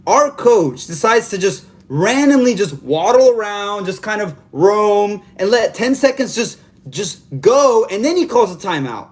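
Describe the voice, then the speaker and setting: A man's voice: sits high, lively intonation, unhurried. A man hosting a live stream, venting in an exasperated post-game rant full of repeated rhetorical questions, talking into a phone camera. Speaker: live stream fan host. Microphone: phone camera held vertical.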